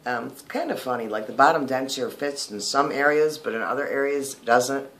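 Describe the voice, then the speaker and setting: Guy rambling on his vlog, kinda lispy slurry s's from fresh dentures, lots of ums, mid pitch. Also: a little fast, a bit bright. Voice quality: slightly slurred, lispy speech from new dentures. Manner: chatty and rambling, many ums. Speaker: vlogger. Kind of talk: casual video diary.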